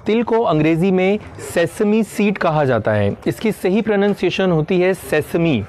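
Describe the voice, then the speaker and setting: A young man, a native Hindi speaker, teaching English vocabulary in a casual video lesson, spelling out English examples slowly. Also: high voice, a little mellow, slight background noise. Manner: explains slowly, says English examples deliberately.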